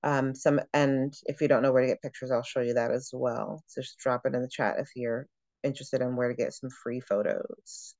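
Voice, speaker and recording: Chatty woman giving a software walkthrough. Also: rumbling low, steady tone, normal speed, no echo. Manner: chatty, thinking aloud with restarts. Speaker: travel agent trainer. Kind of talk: screen-share software walkthrough.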